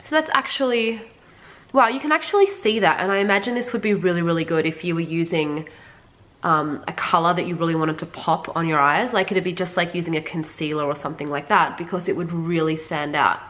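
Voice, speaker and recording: Reviewing makeup while sick with a cold, the woman speaks a little fast in a fairly low, slightly bright voice that sounds congested and a bit nasal. Her chatty, casual review addresses viewers directly and is sprinkled with "like."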